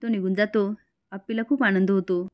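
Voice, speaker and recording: A woman retelling a television serial episode as a steady, matter-of-fact story recap. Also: mid-range voice, brisk, no echo, studio quality.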